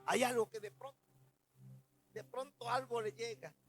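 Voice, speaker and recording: High-voiced pastor preaching. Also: male voice, steady tone, moderate pace, slightly rough, rough recording. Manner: preaching with dramatic swings in loudness and pitch; retells stories in quoted first-person testimony. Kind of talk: sermon.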